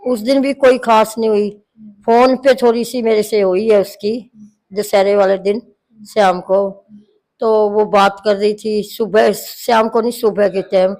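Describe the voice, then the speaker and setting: A middle-aged woman, the mother-in-law in the story, tells a reporter about a family quarrel in a mid-range, fairly even, slightly mellow voice, speaking a little slowly. The audio is poor. She narrates at length, quoting what each person said.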